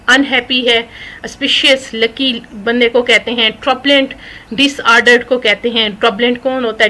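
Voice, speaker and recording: A woman teaches a spoken English class, reading out everyday English phrases slowly and explaining them in Urdu sprinkled with English words. Her voice is bright and clear, sitting a little high. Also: low-quality recording. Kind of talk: recorded spoken English lesson.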